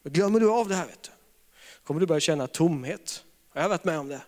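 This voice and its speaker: A man's voice: a little high, animated, darkish tone. A man preaching a charismatic sermon, telling stories with humor and frequent laughter. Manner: humorous storytelling, laughs often. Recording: long reverb of a large hall.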